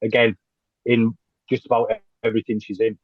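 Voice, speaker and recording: A man's voice: lowish voice, completely flat delivery, normal speed, breathy edge, no room sound, lo-fi sound. A British man hosting a casual panel chat in everyday, informal speech. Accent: British English. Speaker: podcast host.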